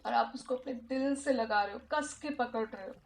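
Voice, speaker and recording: A woman teacher guiding an inner-child healing meditation in a soft, emotive way that often drops to a hush. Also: fairly high pitch, normal speed. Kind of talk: guided meditation.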